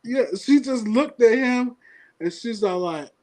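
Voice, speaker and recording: A man co-hosting a podcast, telling a story in casual chat, animated and laughing often as he acts out what people said. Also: very high voice, measured pace, rough recording. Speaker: podcast co-host.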